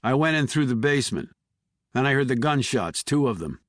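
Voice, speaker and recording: A man's voice: mid-range voice, lively intonation, brisk, dry recording, clean studio sound, natural voice. A man voicing terse army investigator Puller. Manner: terse, controlled.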